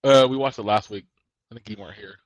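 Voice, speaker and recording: A man's voice: mid-range voice, fairly even intonation, fast, no room sound, poor audio. A man co-hosting a podcast, talking casually and rambling, often restarting his sentences. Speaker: podcast co-host. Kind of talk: casual chat.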